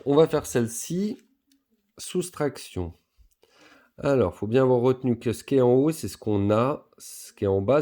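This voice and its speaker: A man gives a recorded lesson to young pupils, patient and lively. His voice sits low and carries a gravelly, dark tone. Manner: patient, explains step by step. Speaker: primary school teacher.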